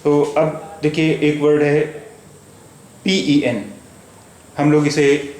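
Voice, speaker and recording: A man teaching a spoken English lesson, speaking slowly and repeating words with many hesitations. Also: fairly high pitch, flat delivery, darkish tone. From India. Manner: slow, repetitive, with many hesitations. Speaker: language teacher. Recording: echoey room with faint background noise.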